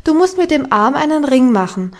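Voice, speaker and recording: A woman reading an audiobook voices a lively, strong-willed little Alpine girl, eager and commanding. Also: high voice, moderate pace, voice pushed up. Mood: instructing.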